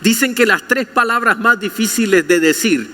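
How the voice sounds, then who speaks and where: A man's voice: high voice, normal speed, bright, forceful tone. A man preaching a sermon as pastor, speaking straight to his listeners with rhetorical questions, in a large church hall. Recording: long reverb of a large hall.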